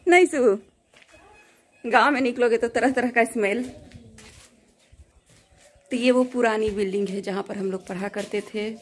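A woman's voice: on the high side, takes it slowly, pauses often. A middle-aged woman from Bihar with a Bihari Hindi accent, vlogging on a walk through an old village school while guiding her son. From Bihar, India. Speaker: vlogger and mother. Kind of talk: casual walking vlog. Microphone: phone held at arm's length.

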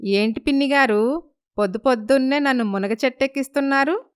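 A woman voices a gentle, dutiful young wife in a storybook tale, smooth and slightly high in pitch. She answers politely and modestly, brushing off praise. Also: a little fast, lightly acted.

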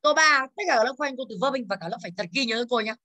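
A woman's voice: on the high side, rapid-fire, sharp tone. A woman in her thirties from Vietnam, an English teacher going over exercises with her class in a classroom, calling on students by name and drilling pronunciation.

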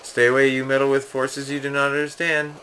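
A man's voice: medium pitch, completely flat delivery, a little fast, bright, forceful tone, slight background noise, close to an everyday voice. A man voicing a pompous, theatrical video game hero, reading the dialogue aloud. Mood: grave. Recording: game music behind.

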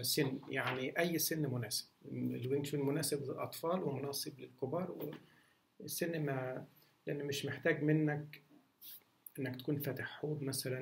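In a mid-range voice over a little hiss or hum, an Egyptian-accented martial arts instructor talks through viewer questions in a relaxed Q&A monologue. He sounds hesitant, often restarting and using fillers.

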